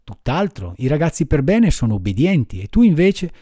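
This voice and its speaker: A man voicing a patient, motherly fairy woman, speaking softly and firmly in an audiobook reading. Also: very animated, dry recording, clean studio sound. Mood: gentle. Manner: soft lowered voice, measured admonishing tone. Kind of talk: audiobook character voice.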